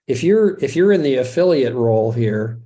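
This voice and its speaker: Warm, animated and mid-range, the voice of a middle-aged American webinar host moves at a moderate pace. He runs the live session in a chatty, casual way, teasing himself and chuckling often.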